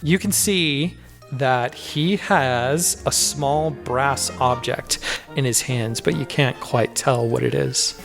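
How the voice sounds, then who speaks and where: A game master narrating a tabletop game in a vivid, descriptive, unhurried way. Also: mid-range voice, creaky, faint music behind.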